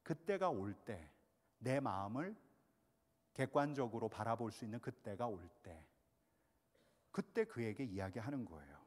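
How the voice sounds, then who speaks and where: Guy preaching in a big echoey church, voice jumps all over, quiet then loud. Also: medium pitch, unhurried, pauses often. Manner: animated, swings between hushed and loud. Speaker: pastor. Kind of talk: sermon. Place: church sanctuary. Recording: long reverb of a church hall.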